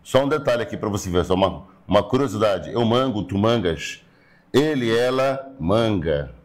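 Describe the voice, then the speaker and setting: A man's voice: fairly low pitch, lively intonation, normal speed. Brazilian man teaching grammar class. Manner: explanatory, repeats words and checks in with "tá?". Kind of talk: recorded online class lecture.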